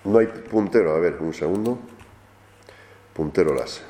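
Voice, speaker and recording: A man's voice: low voice, animated, normal speed, dark tone. A man from giving a classroom lecture, explaining step by step and often checking in with his students. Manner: explanatory, with frequent questioning tags to students. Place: lecture room with an audience. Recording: roomy echo of a lecture room.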